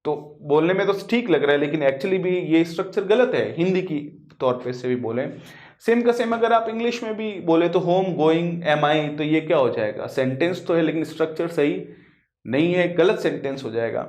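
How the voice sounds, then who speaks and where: A man from western Rajasthan, teaching a lecture and explaining through examples and rhetorical questions, with English words mixed in. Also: on the high side. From western Rajasthan, India. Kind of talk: spoken lecture.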